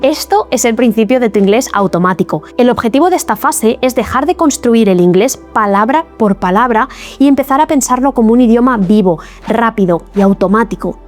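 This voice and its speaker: A fairly high-voiced woman teaches in a scripted video lesson, explaining each step clearly and with encouragement. Soft music plays faintly beneath her voice. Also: expressive, brisk. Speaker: English teacher.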